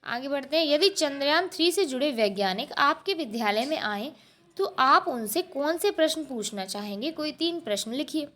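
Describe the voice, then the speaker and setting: A woman with a high voice teaches a school lesson. She explains each point step by step, repeats the answers and keeps asking the class short rhetorical questions. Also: animated, normal speed, a bit bright. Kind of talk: textbook lesson walkthrough.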